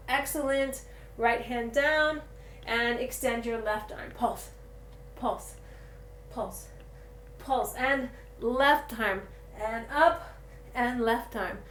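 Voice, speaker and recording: A woman instructor calling out yoga cues while moving along with the class, a little out of breath at times. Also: fairly high pitch. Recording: roomy echo, faint ambient noise.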